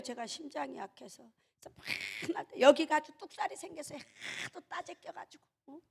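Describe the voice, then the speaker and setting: Animated woman preaching with shouted asides. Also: on the high side. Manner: animated, joking, acts out quarrels in shouts and mutters. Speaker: pastor. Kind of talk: sermon.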